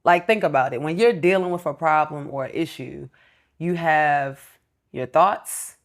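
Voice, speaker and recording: Earnest woman, slightly low voice. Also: a little slow. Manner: earnest, reflective, explaining step by step. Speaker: entrepreneur guest. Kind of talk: casual interview chat.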